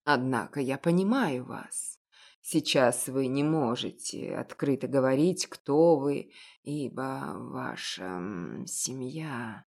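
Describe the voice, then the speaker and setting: A kindly old male confectioner, grumbling yet gentle, as a woman reader puts him on. The voice is pushed low, gruff and slow, coaxing and reassuring. An audiobook reading. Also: expressive, exaggerated voice.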